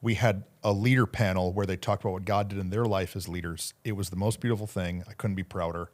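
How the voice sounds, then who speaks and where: A man's voice: low-pitched, fairly even intonation, fast. A man in his thirties, a pastor co-hosting a casual podcast, telling a joking story and acting out his own lines. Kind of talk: casual chat.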